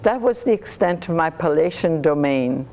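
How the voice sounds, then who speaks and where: A woman storyteller reading her own stories in rhyming verse, lively and playful. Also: lowish voice, unhurried, highs cut off, a little hiss or hum.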